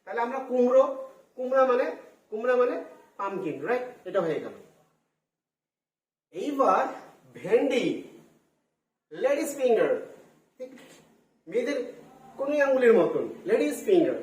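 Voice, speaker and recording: A woman's voice: on the high side, sing-song, moderate pace, pauses often, a little mellow. A woman teaching a home-school lesson for children, spelling words out letter by letter, mixing in English and asking the pupils "right?". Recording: roomy echo, far from the mic.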